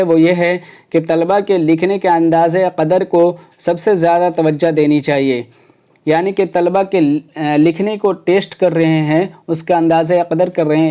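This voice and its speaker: Male teacher, warm relaxed tone, hesitant step-by-step exam explainer. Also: a little high, smooth. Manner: explains step by step with many fillers. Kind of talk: exam prep lecture.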